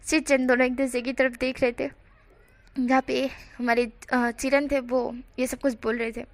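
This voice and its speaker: A woman retells a story in a chatty, casual way, mixing in English words. Her voice sits high, and the recording is dry and close. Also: fairly bright tone, no room sound.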